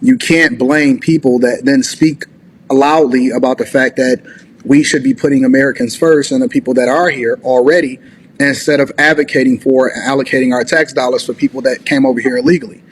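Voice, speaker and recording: A man's voice: medium pitch, steady tone, brisk, breathy edge. A man hosting a reaction commentary, talking in long rambling sentences full of "you know". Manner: rambling, filler-heavy, argumentative. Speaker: commentary host.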